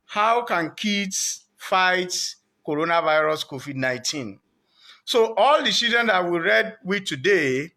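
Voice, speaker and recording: A man running a reading programme, explaining literacy to parents in an earnest way, breaking words into parts and repeating them deliberately. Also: high voice, sharp tone. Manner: earnest, with frequent restarts.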